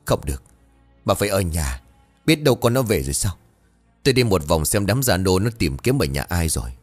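A man voicing a stern, worried older landowner father who gives firm orders in a lowered voice. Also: sing-song, brisk, breathy edge, faint music behind, exaggerated voice. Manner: firm, commanding.

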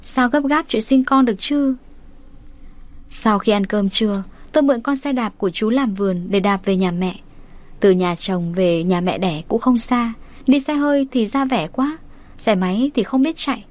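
A woman narrates a first-person story with a wry, chatty tone. Her voice sits a little high for a woman. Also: normal speed.

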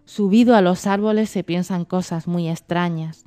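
A woman's voice: on the low side, steady tone, normal speed, dark tone, clear, resonant tone, soft background music, natural voice. A woman voicing a curious, talkative male duck who asks eager questions, reading a storybook. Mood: wistful.

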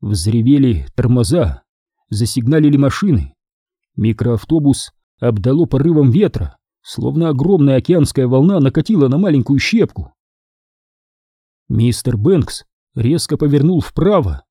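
A man narrating an audiobook with expressive storytelling. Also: medium pitch, unhurried, slightly rough, dry recording, clean studio sound.

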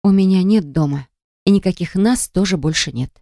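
A woman's voice: fairly low pitch, moderate pace, dark tone, dry recording, clean studio sound, natural voice. A woman voicing a proud, hurt young woman who speaks sharply and reproachfully. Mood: crying out.

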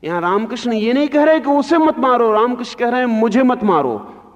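A man giving a spiritual discourse, speaking slowly and with emphasis, his voice rising sharply on key points, in a lo-fi archival recording. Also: very high-pitched, animated. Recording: lo-fi archival recording in a long-reverb hall.

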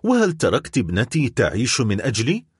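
A man voicing a stern male prosecutor who accuses his wife in grave, measured speech, in an audiobook. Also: medium pitch, huge pitch swings, breathy edge, no room sound, clean studio sound, heavily acted. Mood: accusing. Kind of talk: audiobook character voice.

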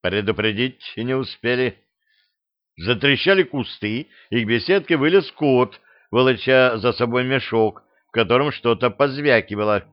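A man reading a comic fantasy story aloud as its narrator, in an even storytelling manner, on a slightly dull recording. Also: mid-range voice, moderate pace, dry recording. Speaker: audiobook narrator. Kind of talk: scripted narration.

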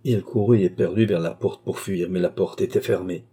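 A man narrating a classic novel as an audiobook, in a measured, dramatic reading. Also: deep voice, dark tone, slightly rough.

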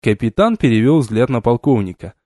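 A man narrating an audiobook chapter in an even, unhurried reading voice. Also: mid-range voice, no echo, clean studio sound. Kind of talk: scripted narration.

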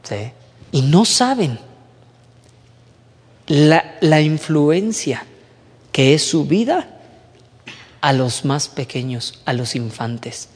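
A man preaching to a youth group, lively and conversational, mimicking whiny young voices and dropping low for emphasis. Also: drawn-out words, pauses often, breathy edge, in a large hall. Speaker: youth pastor. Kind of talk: sermon.

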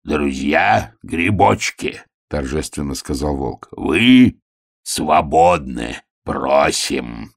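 A man reading it as a greedy storybook wolf, sly and drawling. The voice is low and gravelly, husky at the edges. He takes his time over every word. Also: lively intonation, fairly bright tone, no echo, studio quality, exaggerated voice. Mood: gloating drawl. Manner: slow, drawling, gloating. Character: greedy sly male wolf, sings and gloats.

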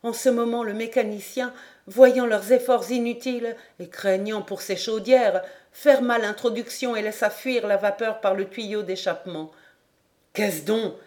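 A woman narrating an audiobook of a classic novel with a steady, expressive reading. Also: fairly high pitch, normal speed.

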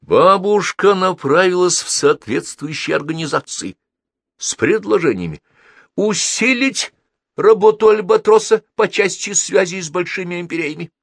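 A man reading an audiobook aloud in expressive, ironic scripted narration. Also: high-pitched, gravelly, breathy edge, no room sound, clean studio sound. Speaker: audiobook reader.

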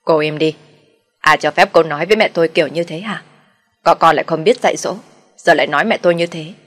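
A woman voicing a cold, stern husband who shouts curtly at his wife. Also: low-pitched, fast, faint music behind. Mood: angry. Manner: curt, shouting.

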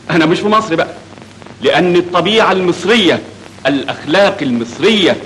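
A man's voice: medium pitch, fairly bright tone, slight background noise, natural voice, low-quality recording. A man playing a speechmaking young factory director. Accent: Egyptian Arabic. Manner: speechmaking, measured. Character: dignified young engineer addressing workers, calm.

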